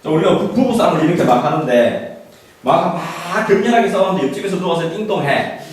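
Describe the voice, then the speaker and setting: A man gives a parenting lecture in a high voice and swings his pitch widely. He acts out what a parent or child might say and laughs often. He sounds distant, and the hall's echo is heavy. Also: expressive, fast. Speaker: parenting instructor. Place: lecture room. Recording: echoey hall, far from the mic, faint noise.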